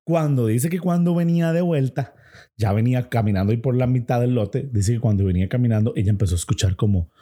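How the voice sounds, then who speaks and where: A man's voice: mid-range voice, fast talker, dark tone. A young Costa Rican man telling a spooky story in a casual, rambling chat full of slang and restarts.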